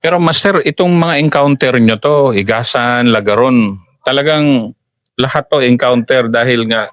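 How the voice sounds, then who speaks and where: A man's voice: mid-range voice, moderate pace, a bit bright, no echo. A Filipino man, an officer interviewing a soldier, prompting with questions and addressing him as "Master.".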